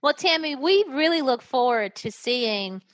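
A woman's voice: high-pitched, expressive, unhurried, no room sound. A woman hosting an interview podcast, asking questions in an upbeat, encouraging way. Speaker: podcast host. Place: in Guam.

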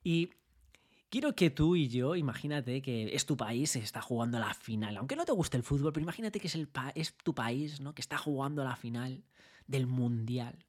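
A man delivers a motivational talk at a middling pitch. He speaks conversationally, keeps asking rhetorical tag questions and paints a vivid scene. Now and then he bursts into shouting. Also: lively intonation, normal speed. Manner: builds a vivid scenario, jumps into shouted bits.

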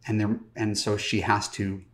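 A man's voice: on the low side, little pitch movement, moderate pace. A middle-aged man, a dating coach, hosting a podcast and talking directly to listeners in a conversational way with frequent fillers. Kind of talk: podcast monologue.

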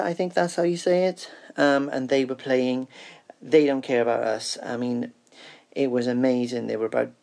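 Male roving reporter, informal recap, flat intonation, gravelly fry. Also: medium pitch. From Cardiff, UK. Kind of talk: informal first-person event report.

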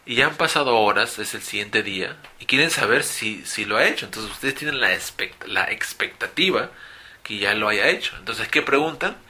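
A man's voice: on the low side, lively intonation, moderate pace, sharp tone, a little hiss or hum. A man teaching an English grammar lesson, explaining and repeating example phrases.

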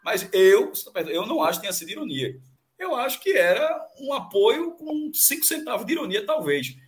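A man from Brazil, arguing football on a sports talk show, animated and insistent. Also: extremely high pitch, moderate pace, breathy edge. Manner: argumentative, animated, repeats "veja só". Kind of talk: heated casual football debate.

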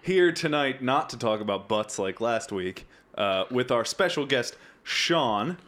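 A man's voice: medium pitch, animated, unhurried, a bit bright. A young man hosting a casual podcast, rambling and joking with his co-hosts. He laughs often and sounds a little tipsy, with an ordinary mid-range voice. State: drinking while recording. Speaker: podcast host.

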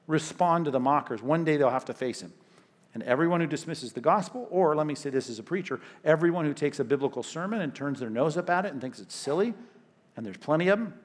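A male pastor delivers a sermon in a fairly high voice. His talk is emphatic and repetitive, with punchy stressed lines set against hushed, quieter asides.

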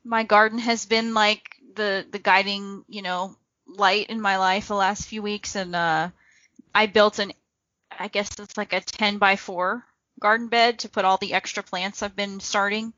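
A woman's voice: medium pitch, steady tone, unhurried, pushed and bright, dry recording, highs cut off. A woman in casual group chat, modest and self-deprecating, hedging as she goes.

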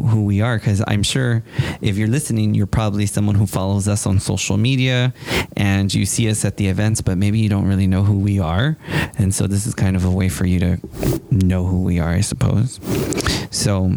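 A man's voice: lowish voice, vocal fry, darkish tone. A man from San Antonio, Texas, hosting a casual college podcast, chatty and hesitant, with frequent fillers. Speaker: podcast host, student life staff.

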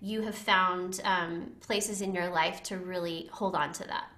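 A woman hosting a podcast interview, chatting eagerly and agreeing warmly with her guest. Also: on the low side, fairly even intonation, measured pace. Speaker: podcast host. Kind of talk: casual interview chat.

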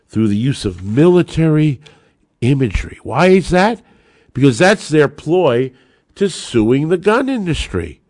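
An American man with a higher-pitched voice hosts an opinionated political podcast, recorded at studio quality with no echo. He delivers an emphatic, combative monologue full of rhetorical flourishes.

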